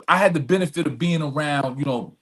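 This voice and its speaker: Appearing as a podcast guest, a fast-talking man with a slightly high voice shares personal stories in a candid long-form conversation. He speaks emphatically, drops street slang, and repeats phrases.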